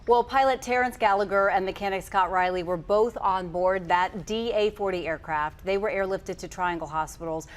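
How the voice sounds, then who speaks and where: A woman's voice: mid-range voice, fairly even intonation, normal speed, hardly any pauses. A woman reading scripted television news as an anchor.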